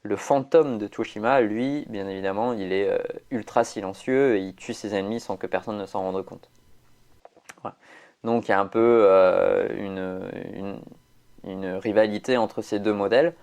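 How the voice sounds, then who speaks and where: A man's voice: lowish voice, normal speed, darkish tone. A man chatting casually on a podcast, rambling with many fillers and restarts. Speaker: podcast host.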